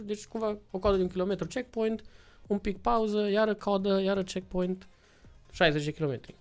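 A man casually telling a long travel story, acting out other people's lines. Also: sits high. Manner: lively storytelling, acts out voices in quotes. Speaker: podcast guest.

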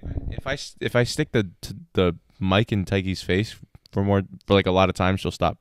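A man's voice: sits low, moderate pace, smooth, dry recording. A young man co-hosting a podcast in casual, joking banter. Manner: joking, does goofy voice bits. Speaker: podcast co-host.

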